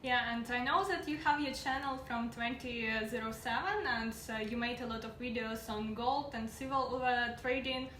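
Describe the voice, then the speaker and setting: Woman interviewer, high voice, slightly halting questions, echoey, loud traffic behind. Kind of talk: casual interview. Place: outdoors in a city, traffic nearby.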